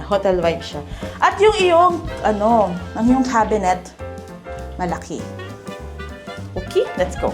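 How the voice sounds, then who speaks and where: A woman with a Filipino accent hosting a house tour, chatty and enthusiastic, exclaiming often as she walks through rooms. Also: medium pitch. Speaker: property tour host.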